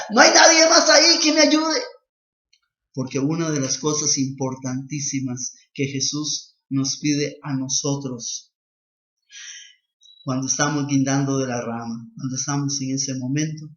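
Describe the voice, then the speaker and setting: A male lay preacher delivers a sermon in a slightly high voice, building on repeated phrases with strong emphasis. The room rings with echo. The recording is dull and lo-fi. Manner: emphatic, repetitive preaching cadence.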